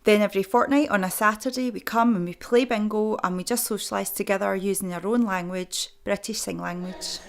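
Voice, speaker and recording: A woman, giving a sign language interpreter's translation voice-over in steady first-person speech. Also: mid-range voice, fairly quick, vocal fry, hardly any pauses. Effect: translation voice-over for deaf signers.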